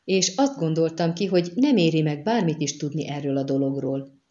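A woman's voice: deep voice, mellow, dull audio, lightly acted. A woman voicing a greedy, scheming male dwarf who haggles in a wheedling way, read in a storybook.

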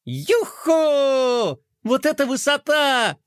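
A man putting on a plucky, self-assured storybook girl who talks briskly and doubts what she hears. Her voice sits high and bounces around. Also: sing-song, dry recording, clean studio sound. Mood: excited.

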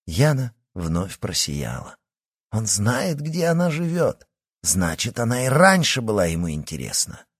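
A man giving expressive, dramatic scripted audiobook narration. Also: on the low side, a little slow, husky, no room sound, studio quality.

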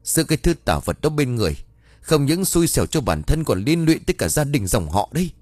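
A man's voice: mid-range voice, very animated, a little fast, a little mellow, husky, no echo, voice pushed up. A man voicing an old male village sorcerer, stern and hot-tempered, scolding in exasperation. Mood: exasperated.

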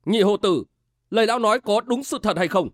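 A man's voice: high voice, expressive, fairly quick, no echo, studio quality. A man voicing an agitated young nobleman who speaks urgently and commandingly.

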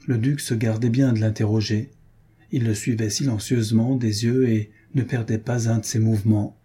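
Man reading with a dark, husky voice. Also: fairly low pitch, steady tone, normal speed. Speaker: audiobook narrator. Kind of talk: scripted narration of a novel.

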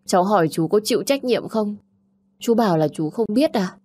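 A woman's voice: mid-range voice, expressive, moderate pace, mellow, pitched above the performer's own voice, natural voice. A woman narrator voicing a tearful, pleading seventeen-year-old girl. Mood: distraught. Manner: sobbing, pleading.

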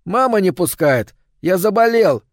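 A man's voice: high-pitched, expressive, a little slow, no echo, clean studio sound, voice pushed up. A man reading an audiobook, voicing a sick little boy who is eager and restless. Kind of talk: audiobook narration.

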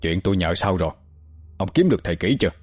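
A man voicing a troubled middle-aged father in a narrated ghost story, speaking in a hushed, low murmur. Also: expressive, quick pace, breathy edge, dry recording, faint music behind. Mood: urgent.

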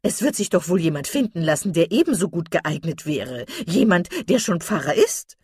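A woman voicing a talkative, gossipy older matchmaking lady in an audiobook, with loud, excited exclamations. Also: on the low side, normal speed, slightly rough, dry recording, studio quality, full character voice. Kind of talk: audiobook character reading.

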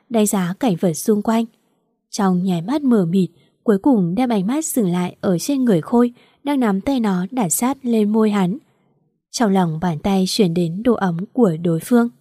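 A woman narrating a romance story in a steady, even audiobook reading. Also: mid-range voice, moderate pace, breathy edge, no room sound, studio quality.

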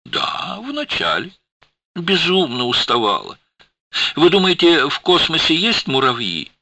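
A man voicing a tired older woman who rambles plaintively in a very high, wavering voice. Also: wildly swooping pitch, unhurried, bright, forceful tone, dry recording, full character voice.

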